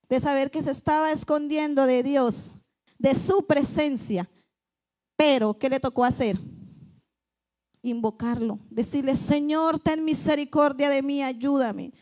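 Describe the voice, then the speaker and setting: A woman's voice: high voice, darkish tone. A woman preaching a conversational church sermon, earnest, often voicing pleading prayers aloud. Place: church service.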